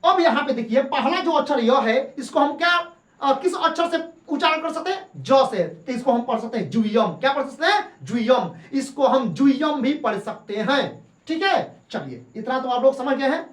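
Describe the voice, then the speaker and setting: A woman teacher gives a lesson, repeating each point and asking questions that she answers herself. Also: sits high. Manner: repeats points and asks rhetorical questions, then answers them. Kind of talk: classroom-style lesson. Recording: echoey room.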